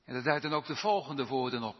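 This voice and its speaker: A man's voice: mid-range voice, lively intonation, fast talker. A man preaching a sermon in a church, rising with emphasis on quoted psalm lines. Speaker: pastor. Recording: dull sound, long church reverb.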